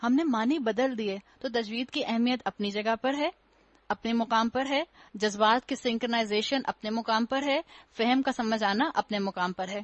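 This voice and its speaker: In a religious talk, a woman who teaches the Quran explains things patiently, mixing in English words, rhetorical questions and dry wit. The recording of her fairly high voice is dry and lo-fi.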